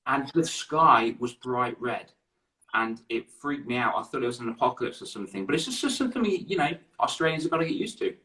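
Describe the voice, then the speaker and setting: Upbeat English male host, middle pitch, chatty, slight stutter on restarts. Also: animated, a little fast, pushed and bright, far from the mic. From England. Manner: upbeat, chatty, repeats words. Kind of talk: online interview. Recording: echoey room, away from the mic.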